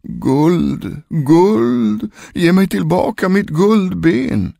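A man voicing the ghost of a dead lady, crying out from her grave in a high wail, in a spoken ghost story. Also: lively intonation, creaky, mellow, no room sound, clean studio sound, heavily acted. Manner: high wailing cry.

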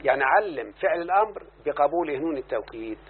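Husky and on the high side, the man's voice moves at a quick pace with lively intonation and a clear Egyptian accent. He's teaching grammar, explaining verses and pausing to check on his student, and the phone-like recording is lo-fi with a faint hiss.

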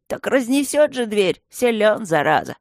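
Man putting on a high, loud male stone gargoyle, cheeky banter, audiobook, dry sound. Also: big pitch swings, unhurried, no echo, heavily acted. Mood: teasing.

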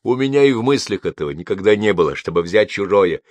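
A man's voice: fairly low pitch, lively intonation, fast, a little mellow, no echo, natural voice. A male audiobook reader voicing a shamed young merchant's son in his twenties who pleads in a broken, tearful way. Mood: pleading. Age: 20s. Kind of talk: audiobook character voice.

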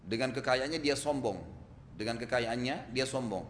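A man's voice: medium pitch, moderate pace. Male preacher in an echoey hall. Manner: lively, rhetorical questions. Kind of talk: sermon with storytelling. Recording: echoey hall, faint noise.

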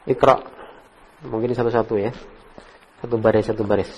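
A man teaching an Arabic class in a relaxed way, correcting his students. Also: on the low side, moderate pace, a little hiss or hum. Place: study hall. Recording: dull echoey hall recording.

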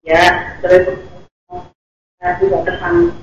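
A woman calling in to ask a question, speaking haltingly over a choppy phone line that keeps cutting out. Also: very high voice, big pitch swings, vocal fry, darkish tone. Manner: halting, hesitant phrasing. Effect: choppy phone line that keeps breaking up. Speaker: caller. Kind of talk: call-in question to a radio preacher. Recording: echoey, distant, lo-fi phone call with faint noise.

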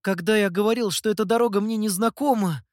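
A man's voice: sits high, fast talker, darkish tone, no room sound, studio quality, voice pushed up, lightly acted. A man voicing an earnest, hot-tempered young male scribe in an audiobook, his tone pleading and indignant. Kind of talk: audiobook character voice.

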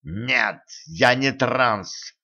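A man voicing a panicky, indignant man who shouts and whines in disbelief, in a dull lo-fi recording. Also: medium pitch, very slow, exaggerated voice. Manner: shouting, whining, outraged.

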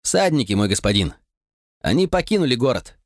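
A man's voice: medium pitch, big pitch swings, a little fast, no room sound, clean studio sound, voice pushed up. A man reading aloud, voicing a nervous young messenger reporting deferentially to his king in an audiobook. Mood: alarmed. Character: anxious young male messenger.

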